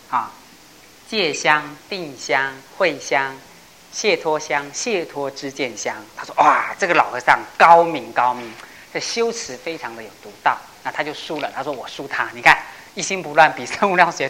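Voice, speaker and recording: Woman teacher telling a Buddhist parable, bright and expressive, lowish voice that swings a lot. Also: a little hiss or hum, poor audio. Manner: animated storytelling with laughs, acting out characters; slows down to stress key phrases. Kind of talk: dharma talk storytelling.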